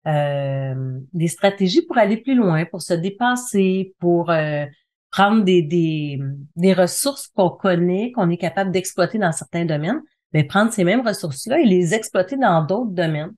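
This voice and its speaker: Expressive and measured, her lowish, slightly mellow voice belongs to a middle-aged woman with a Quebec French accent, appearing as an interview guest. She is a communication consultant and trainer and explains conversationally while repeating phrases for emphasis.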